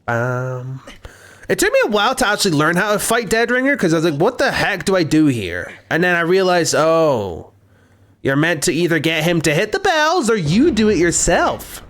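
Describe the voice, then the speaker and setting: A man's voice: sits high, sing-song, normal speed, a bit bright. A young man streaming a game, chatting casually in a rambling, talkative way. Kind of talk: casual gameplay commentary.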